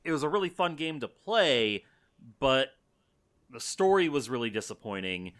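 A man co-hosting a casual podcast chat, blunt and animated, swearing freely. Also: mid-range voice, moderate pace.

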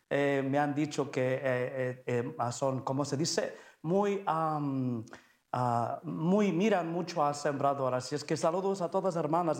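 A man speaking as a priest, presiding over Mass with liturgical address and prayer. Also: medium pitch.

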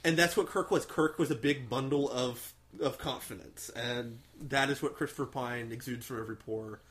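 In a loose, foul-mouthed fan discussion of films, the host tells stories emphatically and acts out quotes with enthusiasm. He speaks at normal speed in a mid-range, slightly bright voice with fairly even intonation.

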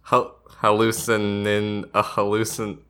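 A man's voice: lowish voice, monotone, slow pace, sharp tone, slight background noise. A man co-hosting a comedy podcast, joking around and tripping over his words. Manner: goofy, jokey, stumbles over words. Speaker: podcast co-host. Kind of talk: casual comedic podcast chat.

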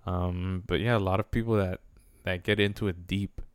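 A man's voice: deep voice, fairly even intonation, moderate pace, clean tone, dry recording. A man in casual conversation, speaking a little hesitantly and circling back over his phrases.

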